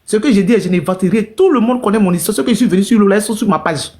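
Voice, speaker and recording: A woman's voice: medium pitch, animated, fast, darkish tone. Emotional woman telling her story to viewers. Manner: repetitive, emotional, addresses viewers directly. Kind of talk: casual live-stream storytelling.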